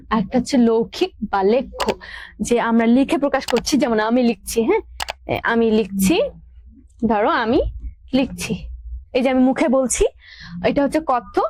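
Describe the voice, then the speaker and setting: Higher-pitched woman teaching a class. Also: darkish tone, no room sound. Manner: explains patiently with many fillers and repeated examples. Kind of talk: online class lesson.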